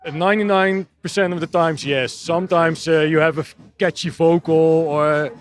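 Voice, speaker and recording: A man's voice: on the high side, steady tone, normal speed. A Dutch man with a Dutch accent, a techno DJ and producer answering interview questions in a hesitant way with many restarts. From Netherlands. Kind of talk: casual interview.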